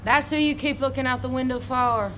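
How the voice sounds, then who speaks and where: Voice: sits high, steady tone, moderate pace, sharp tone, slight background noise. A teasing casual friend.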